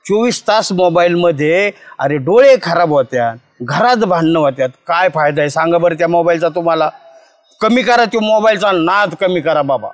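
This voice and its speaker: A man's voice: fairly high pitch, expressive, normal speed. A man playing a village elder who lectures everyone in a scolding, preachy way. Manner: scolding, preachy advice-giving. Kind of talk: rustic comedy web series acting.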